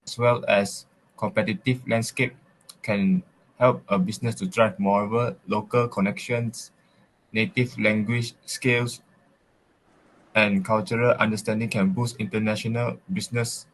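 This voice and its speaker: A man's voice: lowish voice, fairly even intonation, moderate pace, slight background noise, low-quality recording. A man answering interview questions by reading prepared, formal responses.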